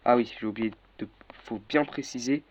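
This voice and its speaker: A man's voice: medium pitch, moderate pace. A young man walking through a casual tutorial, hesitant, with many fillers and self-corrections. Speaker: tutorial maker. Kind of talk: casual screen-recorded tutorial. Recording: dull lo-fi mic with faint noise.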